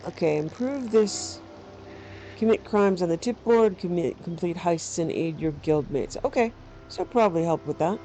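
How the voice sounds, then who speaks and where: A woman's voice: lowish voice, lively intonation, moderate pace, dark tone, soft background music, rough recording. A woman casually commentating on a game she is playing and reading bits of its text aloud. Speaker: gamer host. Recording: faint background noise.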